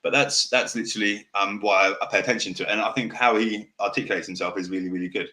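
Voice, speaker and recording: Male podcast host, lowish voice, w-for-r speech, direct and passionate, unscripted and rambling, sweary. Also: steady tone, bright, forceful tone. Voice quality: can't pronounce R's properly, saying w for r. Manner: fast, direct, passionate delivery that can sound angry; rambling, loses his thread and restarts. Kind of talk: off-the-cuff casual monologue.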